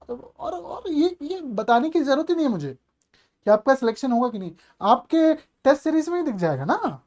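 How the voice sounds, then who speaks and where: Extremely high-pitched and a little mellow, this man teaches maths in an online lecture aimed at exam preparation. His style is conversational and encouraging, full of rhetorical questions, with English terminology woven through.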